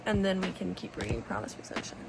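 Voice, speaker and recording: A young woman vlogging casually about her reading, chatty and excitable, saying "like" a lot. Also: mid-range voice, quick pace, gravelly, background noise. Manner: chatty and excitable, heavy use of "like". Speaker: book vlogger. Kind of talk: casual vlog chat. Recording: background music under the voice.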